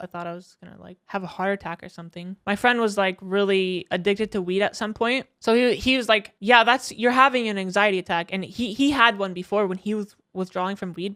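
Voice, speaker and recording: A woman's voice: medium pitch, a bit bright, no echo, clean studio sound. A young woman streamer telling a long personal story in casual, rambling talk, swearing and laughing often.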